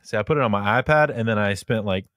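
A man's voice: fairly low pitch, quick pace, a bit bright. A young man hosting a casual podcast, chatting loosely with slang and frequent laughter. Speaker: podcast host. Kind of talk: casual podcast chat and ad read.

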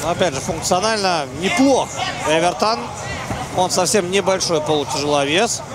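A man does live play-by-play fight commentary in a high voice. A loud arena crowd and music play behind him. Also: moderate pace.

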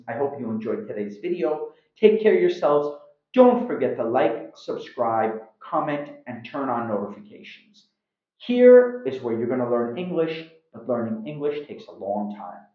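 Roomy, slightly dull audio captures a middle-aged Iranian English teacher in a small room at home. With a mid-range voice, he delivers an informal slang lesson to camera as a video host, animated and emphatic, acting out examples.

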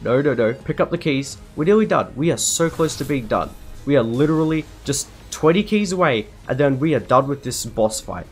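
A man's voice: mid-range voice, expressive, brisk, few pauses, faint music behind. A man giving live commentary over his gameplay, frantic and anxious, repeating himself over and over as he talks. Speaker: gaming video creator.

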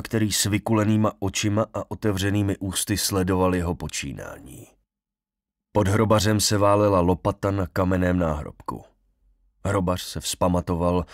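A man narrating a fantasy audiobook in a measured, dramatic storytelling manner. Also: low-pitched, no echo, clean studio sound. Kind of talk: scripted narration.

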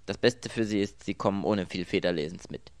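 A man's voice: low-pitched, a little fast, darkish tone, no room sound, natural voice. A man doing a firm police detective.

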